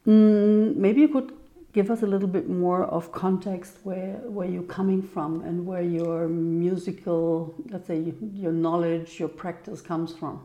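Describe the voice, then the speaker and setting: Female interviewer, somewhat low and mellow voice, polite and a little hesitant. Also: level tone, unhurried, lo-fi sound. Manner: polite, gently hesitant with fillers. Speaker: interview host. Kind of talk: interviewing a guest.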